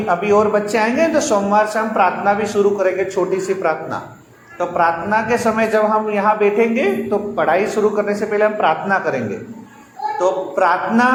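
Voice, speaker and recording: A woman teaching young children in a classroom, patient and coaxing, repeating words and asking questions. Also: mid-range voice. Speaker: primary school teacher. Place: large school classroom. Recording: roomy echoey classroom, loud noise. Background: children's chatter.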